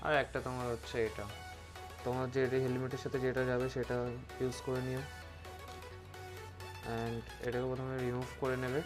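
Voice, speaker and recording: Over music, a man with a West Bengal Bengali accent presents a motovlog product review, his medium-pitched voice monotone at a normal speed with frequent pauses. His style is casual and instructive, blending English words into Bengali and often checking "okay?".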